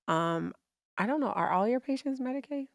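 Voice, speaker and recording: A woman hosting a podcast, chatting casually with a guest in a gushing, excitable way with lots of fillers. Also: a little high, brisk, creaky, no echo, studio quality. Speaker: podcast host. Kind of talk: casual interview chat.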